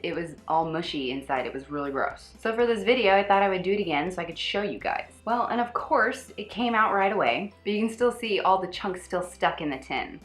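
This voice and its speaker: A woman's voice: fairly low pitch, fairly bright tone, reverberant. A woman chatting casually in a product review vlog, with wry, sarcastic asides.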